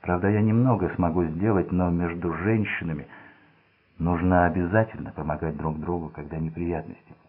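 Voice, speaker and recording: A man's voice: sits low, steady tone, moderate pace, husky. A man reading the lines of a fussy, anxious, kindly aging bearded lady who rambles and gushes, in a storybook. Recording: phone-like narrow band.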